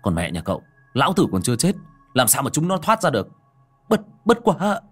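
A man's voice: mid-range voice, wildly swooping pitch, a little fast, breathy edge, faint music behind, pitched above the performer's own voice. A man voicing a cranky, defiant wounded young exorcist in an audiobook, scolding in a strained, faltering way. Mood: indignant, weakened. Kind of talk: audiobook character acting.

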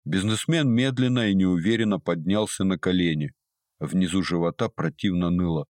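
A man reading a dark fantasy story aloud as narrator, in a steady, even storytelling manner. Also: low voice, normal speed, dry recording, studio quality. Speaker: audiobook narrator. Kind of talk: scripted narration.

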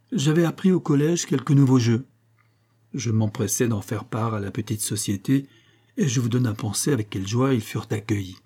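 A male narrator reads a classic short story for an audiobook, pacing it in a measured, expressive way. His middle-pitched voice is dark and mellow with a husky grain.

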